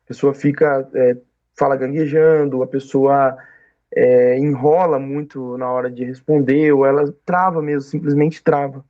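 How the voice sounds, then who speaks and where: A man's voice: medium pitch, flat delivery, normal speed, phone-quality sound. A man acting as an oral exam examiner, giving patient, explanatory feedback and checking often that he is understood.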